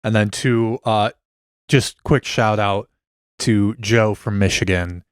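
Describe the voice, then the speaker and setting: A man co-hosts a casual podcast, his voice sitting a little low. He talks in a dry, joking way. The recording is close and dry. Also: steady tone, takes it slowly, clean tone, no room sound. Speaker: podcast co-host. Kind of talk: casual chat.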